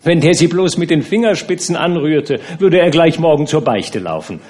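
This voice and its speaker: A man reading a novel aloud and voicing a worldly, mocking aristocrat with a soft, condescending manner. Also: a little high, expressive, moderate pace, voice pushed up, natural voice.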